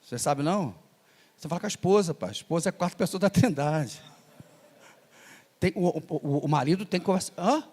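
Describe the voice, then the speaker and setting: An older Brazilian man preaching in a reverberant church hall, his sermon spilling out quickly in a hurried, animated rush. His voice sits a bit high for a man, and he keeps turning to banter with the congregation as he tells his story. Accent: Brazilian Portuguese. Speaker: missionary pastor.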